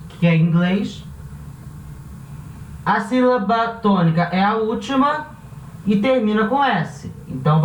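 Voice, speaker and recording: A Brazilian man with a high voice teaches a Spanish lesson at a board, speaking slowly and patiently, spelling out syllables and repeating examples. His Brazilian Portuguese accent comes through a distant mic, with roomy echo and a faint background hum.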